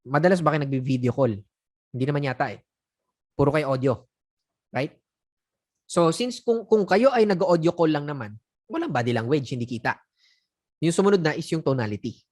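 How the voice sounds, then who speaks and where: A man's voice: a little high, expressive, moderate pace, long pauses, darkish tone. A man coaching online sellers in a casual teaching talk. He speaks conversationally, chuckles often and drops in acted example phrases. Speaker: sales coach.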